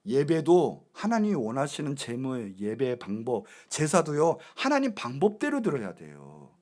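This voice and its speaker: A man's voice: mid-range voice, wildly swooping pitch, unhurried, darkish tone. A male pastor delivering a sermon in a church, preaching emphatically and putting rhetorical questions to the congregation. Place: church sanctuary.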